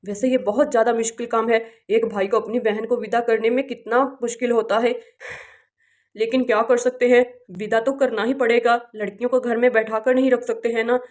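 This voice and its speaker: A woman's voice: fairly high pitch, level tone, fairly quick, a little mellow, natural voice. A woman voicing a caring man, a village husband and elder brother in a doll-play village drama, who speaks in a firm but consoling way. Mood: earnest.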